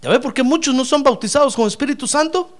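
A man preaching a sermon as pastor, animated and acting out the voices of his congregants. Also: very high-pitched, quick pace.

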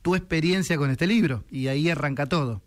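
A man with a Rioplatense accent hosting a radio interview. His voice sits a little high for a man, and he talks in a friendly, chatty way. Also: a little fast. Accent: Rioplatense Spanish. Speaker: radio host.

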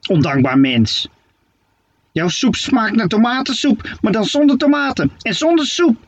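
A man voicing a shrill, bickering old witch who screeches scornful insults in a storybook reading. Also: expressive, unhurried, dry recording, dull audio, heavily acted.

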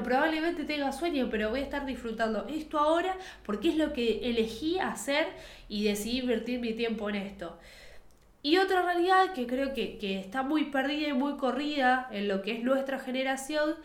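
A woman's voice: high-pitched, roomy sound. A woman with a Rioplatense Spanish accent, co-hosting a podcast and musing earnestly in casual chat. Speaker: podcast co-host.

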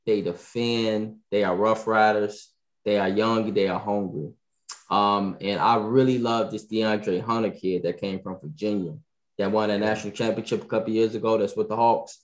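Sports podcast host: man, low voice, lively and repetitive in casual chat. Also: moderate pace. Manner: animated, repeats himself often.

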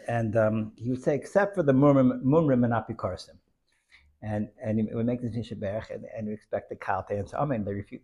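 Casting: male religious teacher, gravelly husky voice, halting informal storyteller. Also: medium pitch. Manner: halting, repeats words as he goes.

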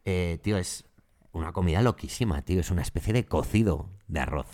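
A man's voice: sits low, brisk, a little mellow. A man co-hosting a podcast in casual chat, giving exaggerated, mock-dramatic warnings. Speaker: podcast co-host.

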